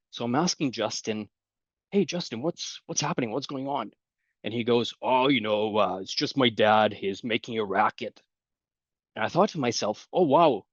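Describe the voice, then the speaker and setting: With a mid-range voice, a middle-aged man with a Romanian accent delivers a conversational conference presentation. He makes his explanations through everyday anecdotes, laughing lightly as he goes. The recording is muffled and without echo.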